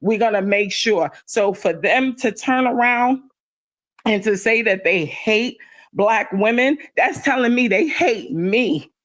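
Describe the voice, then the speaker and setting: A woman's voice: a little high, lively intonation, slow, no echo. Impassioned middle-aged woman in casual chat. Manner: impassioned, emphatic, repeats herself for stress.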